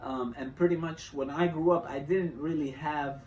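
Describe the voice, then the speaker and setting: A young man from Syria talking through a reflective motivational vlog, halting and restarting often as he thinks aloud. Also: on the high side, steady tone, darkish tone, recorded from a distance, slight background noise. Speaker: vlogger. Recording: roomy echo, off-mic, faint ambience.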